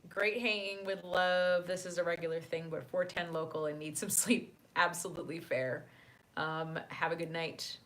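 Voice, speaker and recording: A woman with a lowish voice chats loosely with her live-stream viewers, reading their messages aloud and answering as she goes. She laughs easily and fills her pauses with ums and uhs, talking close into a desk microphone. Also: fairly even intonation, a bit bright. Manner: chatty, laughs often, many fillers. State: hiccuping. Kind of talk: casual live-stream chat.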